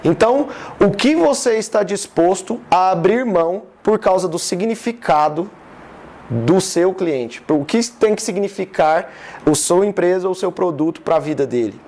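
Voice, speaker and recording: A man with a Goiás accent talks loosely and directly to his live audience, his voice sitting fairly high for a man. He sounds like an easygoing business speaker in his thirties, chatting more than lecturing. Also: expressive, measured pace, a little mellow. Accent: Goiás Brazilian Portuguese. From Goiás, Brazil. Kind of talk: informal live talk to an audience.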